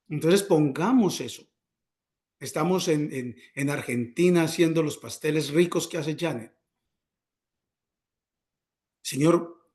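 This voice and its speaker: A man delivers a sermon in a slightly high voice, stopping to quiz his listeners on the words he just said. He often repeats words and restarts his sentences. He acts out prayers and small dialogues as he goes. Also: a little mellow. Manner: call-and-response questions, repeats words when searching. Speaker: preacher.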